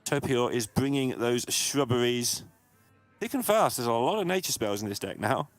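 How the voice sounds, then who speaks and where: A male esports co-caster calls the match with a lively, rising and falling voice. He jokes wryly and pokes fun at himself between plays. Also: medium pitch, normal speed, no room sound. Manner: wry, joking, self-deprecating. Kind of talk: live game commentary.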